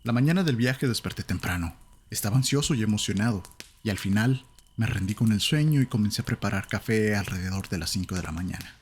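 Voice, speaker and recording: A man with a Latin American Spanish accent narrates a horror tale in a calm, measured way. His voice sits low. A faint hiss runs under the recording.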